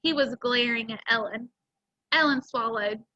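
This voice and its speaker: Woman teacher, reading aloud to kids, bright tone, friendly and encouraging. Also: on the high side, unhurried, muffled recording. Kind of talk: lesson and read-aloud for children.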